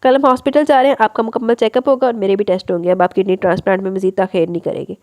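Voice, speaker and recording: A woman voicing a patient, loving young wife who speaks gently and pleads, in a romance audiobook. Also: medium pitch, fairly even intonation, rapid-fire, dry recording, lightly acted. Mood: eager.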